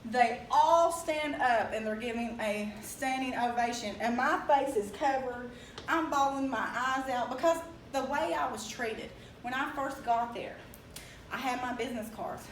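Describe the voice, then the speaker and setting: A young woman with an Appalachian accent tells a story with an animated, laughing delivery and acts out the people she quotes. Her voice sits high. The recording sounds echoey and distant, with faint ambience. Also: a little slow, slight background noise. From Appalachia, West Virginia. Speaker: speaker telling her story. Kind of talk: casual storytelling talk. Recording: echoey room, mic from far off, faint ambience.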